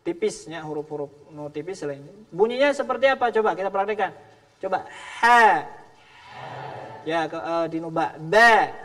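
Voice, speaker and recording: A man's voice: fairly high pitch, animated, fast talker, few pauses. A man with a Sundanese accent teaching Quran recitation in a mosque, patiently drilling letter sounds and asking students to repeat. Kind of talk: tajwid class with drills. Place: mosque hall, indoors. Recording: long reverb of a large hall.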